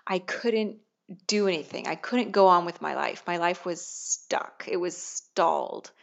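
A woman's voice: lowish voice, unhurried, creaky. A young adult woman co-hosting a podcast in casual, emphatic conversation, recorded in an echoey room. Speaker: podcast co-host. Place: echoey half-furnished study at home. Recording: echoey room, dull muffled sound.

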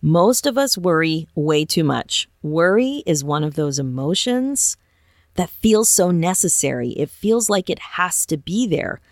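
A woman with a low, deep voice hosts a motivational podcast as a life coach. She talks earnestly and encouragingly and keeps asking her listeners rhetorical questions. The sound is close and dry, with no room around it. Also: sing-song, measured pace, no room sound.

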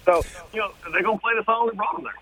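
Male radio caller, rapid and emphatic, somewhat high voice, heard over a dull tunnel-like phone line from a parked car. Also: pushed and bright, a little hiss or hum. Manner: fast, emphatic, frequent restarts. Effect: muffled phone line that sounds like he is in a tunnel. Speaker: radio show guest calling in. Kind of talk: political radio call-in. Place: car stopped at the roadside.

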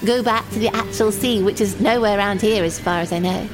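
A woman's voice: mid-range voice, fairly quick, over music, close to an everyday voice, low-quality recording. A woman playing a lonely, timid young runaway in an audio drama monologue, speaking in simple, naive, confiding phrases. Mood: forlorn, waiting. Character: lonely, timid young runaway waiting for a train, childlike and wistful.

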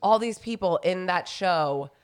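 A woman's voice: fairly low pitch, lively intonation, a little slow, smooth. A young woman co-hosting a podcast in casual chat, laughing and teasing as she talks. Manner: giggly, teasing. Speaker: podcast co-host.

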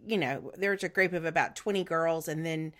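A middle-aged woman with a Southern US accent chatting casually as a podcast co-host, in a rambling, halting way. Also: low-pitched, fairly bright tone. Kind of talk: casual chat.

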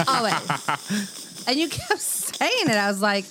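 A woman's voice: fairly high pitch, very animated, slow pace, noisy background. A woman chatting casually in a valley-girl manner, leaning on "like" and "literally" for emphasis. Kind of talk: casual chat.

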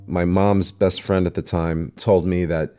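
A man with a very low, mellow voice tells a personal story earnestly. Soft guitar music plays faintly underneath. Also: flat delivery, unhurried. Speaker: interviewee.

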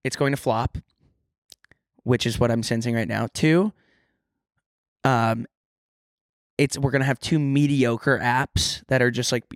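A man's voice: medium pitch, fairly even intonation, measured pace, long pauses, dry recording, clean studio sound. A man co-hosting a podcast in casual, comedic chat, joking and self-deprecating, who pronounces his th sounds as f. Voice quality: says th sounds as f. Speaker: podcast co-host.

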